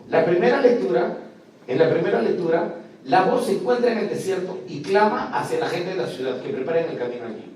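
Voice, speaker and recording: A man's voice: high-pitched, darkish tone. A man teaching a class on biblical texts, speaking emphatically and putting rhetorical questions to the students. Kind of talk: classroom lecture. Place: lecture hall. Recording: echoey room, distant mic, faint noise.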